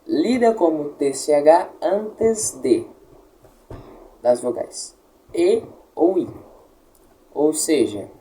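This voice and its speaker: A man gives a Latin pronunciation lesson in a dark, mellow voice. He talks slowly and patiently, spelling out each sound and checking that his listeners follow. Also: a little high, big pitch swings, a little hiss or hum, poor audio. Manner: patient, explains slowly, checks with "tá?" and models words. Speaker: Latin teacher.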